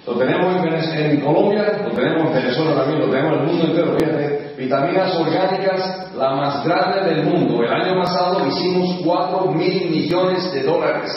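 Older man from the US, sixties, fairly high voice, pushy and coaxing seminar pitch, echoey hall, heard from a distance. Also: a little hiss or hum. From United States. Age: 60s. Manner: emphatic, coaxing, keeps saying "look". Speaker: business opportunity speaker. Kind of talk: sales seminar talk. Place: large hall. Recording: echoey hall, dull sound, from far off.

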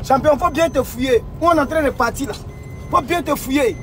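An actor playing a grumpy old taxi driver with an Ivorian French accent, scolding and arguing in a comedy sketch inside a car. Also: male voice, very high-pitched, brisk, a bit bright, slight background noise. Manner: scolding, repetitive, argumentative.

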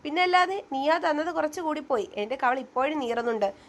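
Teasing young husband, bantering and mock-stern, high-voiced, read by a woman storyteller. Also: fairly quick, natural voice.

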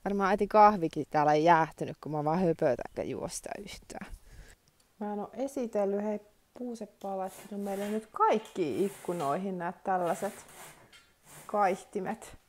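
A woman's voice: mid-range voice, darkish tone. Chatty woman in her forties. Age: 40s. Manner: chatty, thinks aloud with many fillers. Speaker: vlogger. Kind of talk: casual vlog chat. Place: rural home and yard. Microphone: phone.

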